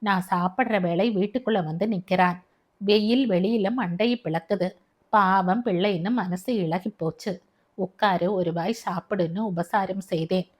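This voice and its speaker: A gentle, soft-hearted older aunt, voiced by a woman narrator in a storybook. She pleads in a homely, kindly way. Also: mid-range voice, fairly even intonation, normal speed, natural voice. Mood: tearful.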